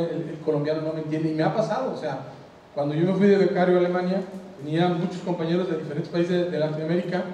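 An older man with a Mexican Spanish accent gives a conversational design lecture at a conference, often checking that the seated audience in the large hall is following. His voice is high with a dark tone. He uses a handheld mic, the recording carries far-off hall echo, and there is a little hiss or hum.

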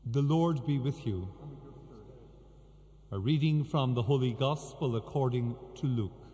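Slow bishop in a cathedral echo. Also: male voice, medium pitch, mellow, soft background music. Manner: slow, measured, solemn delivery. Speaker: bishop celebrating Mass. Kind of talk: liturgical reading and homily. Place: large cathedral. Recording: long cathedral reverb.

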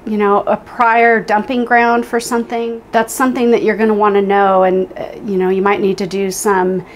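A woman's voice: mid-range voice, level tone, moderate pace, slight background noise. A woman in her forties co-hosts a homesteading channel, talking to camera in her kitchen in a friendly, upbeat way. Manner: friendly, upbeat, direct address. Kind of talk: scripted explainer to camera. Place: home kitchen indoors.

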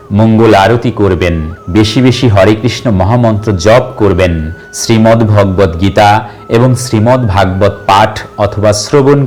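A man giving devotional instructions and telling a scripture story in a deliberate, recited manner. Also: on the low side, darkish tone. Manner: slow, deliberate, recited listing. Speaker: devotional teacher.

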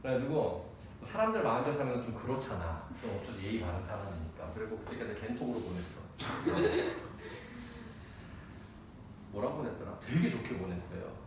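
A man with a lowish, expressive voice speaks at a moderate pace while teaching math casually, sharing a personal story full of blunt slang and frequent laughter. It's recorded noisily in an echoey room on a distant mic.

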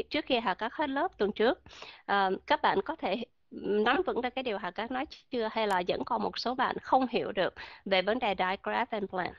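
A woman's voice: on the high side, no room sound, muffled recording. A woman teaching English pronunciation in an online lesson, explaining patiently with many fillers and checking that her students understand. Her first language is Vietnamese.

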